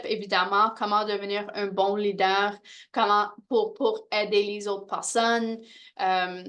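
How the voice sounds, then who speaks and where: A woman walks prospective students through university programs in a steady, mid-pitched voice. She pauses often and restarts her phrases as she goes. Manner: hesitant, many fillers and restarts. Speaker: university recruitment presenter. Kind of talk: informational presentation to prospective students.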